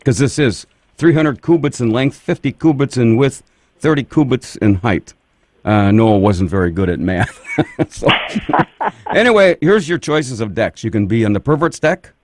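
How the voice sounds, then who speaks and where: A man's voice: medium pitch, animated, normal speed, darkish tone, no echo. A man hosting a radio show, wisecracking through a string of one-liners and laughing at his own jokes. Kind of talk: joking radio banter.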